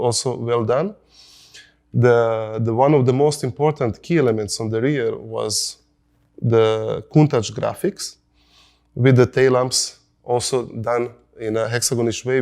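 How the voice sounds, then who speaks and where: A man's voice: medium pitch, creaky, a little mellow. A man from Croatia speaking English, a car designer in an interview clip who halts and searches for words. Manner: halting, searching for words, repeats himself.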